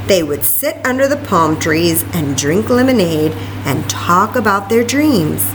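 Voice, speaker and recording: A woman hosting a children's library story time, reading a picture book aloud with animated, exclamatory asides straight to her young listeners. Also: fairly low pitch, unhurried, background noise.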